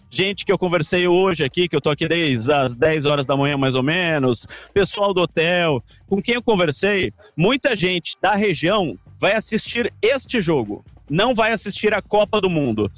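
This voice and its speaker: A man with a Brazilian Portuguese accent, reporting live outside a stadium and asking fans quick, chatty questions. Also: high voice, fairly bright tone. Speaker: field reporter. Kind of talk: live street interviews.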